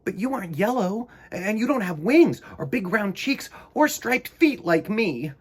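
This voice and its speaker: A man voicing a small, excitable young bird in a children's storybook, with an exclaiming delivery. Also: measured pace, slight background noise. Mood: incredulous. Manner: high, exclaiming.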